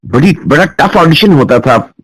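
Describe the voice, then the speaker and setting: A man's voice: a little high, expressive, unhurried, a bit bright, husky, dry recording, low-quality recording. A man from Pakistan hosting a radio sports program, interviewing a guest politely and formally. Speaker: radio sports show host.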